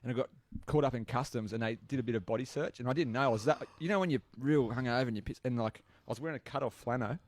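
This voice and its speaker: A man's voice: mid-range voice, rapid-fire, few pauses, darkish tone. A young Australian man telling a rambling, crude story in casual podcast chat, laughing as he goes.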